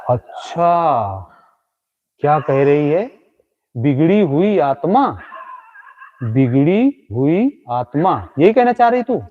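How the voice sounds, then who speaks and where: A man's voice: on the high side, very animated, takes it slowly, narrow, tinny audio. A man hosting a comedy live stream outdoors at night, teasing and chatting with a ghost he claims stands in front of him. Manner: teasing, talks directly to an unseen ghost.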